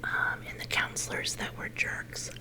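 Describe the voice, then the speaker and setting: A middle-aged woman who makes ASMR videos leans in close for a casual, unhurried whispered chat. Now and then her whisper turns slightly growly.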